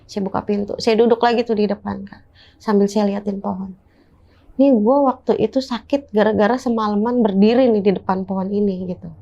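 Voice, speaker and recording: A woman's voice: medium pitch, fairly even intonation, fairly quick, gravelly, warm tone. A woman telling her own ghost story in casual, chatty speech, often addressing the listener directly. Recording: dull lo-fi recording.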